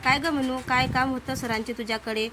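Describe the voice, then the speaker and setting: A woman voicing an eager, urging young female flatmate. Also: high-pitched, a little fast, noisy background, natural voice.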